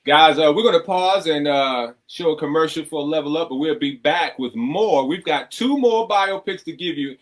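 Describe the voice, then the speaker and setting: A man hosts a casual radio talk show with a somewhat high voice. He tells stories with lively acted-out quotes. He lectures artists in a preachy tone. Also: moderate pace, few pauses. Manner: animated storyteller, acts out quotes in a raised voice.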